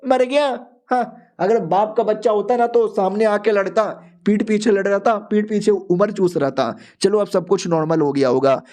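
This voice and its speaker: A man's voice: sits high, moderate pace, hardly any pauses, a little mellow. A man narrating a comic manhua recap in slangy, jokey storytelling.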